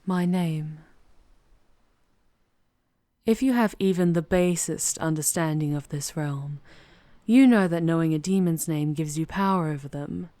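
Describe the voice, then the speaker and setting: Lilith, a woman as a slow, low, seductive demoness. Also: dark tone, no room sound. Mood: bargaining, solemn. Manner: slow, deliberate, formal, teasing. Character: seductive, proud, ancient female demon, charming and commanding. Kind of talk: ASMR roleplay, scripted audio drama.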